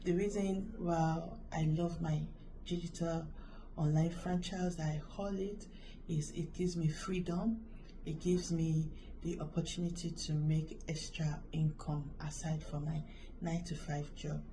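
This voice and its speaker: A woman speaks in a very low, flat voice, pausing to find her words as she shares her testimonial. Clear background noise runs under her speech. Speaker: mom sharing a testimonial. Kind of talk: personal testimonial. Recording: noisy background ambience.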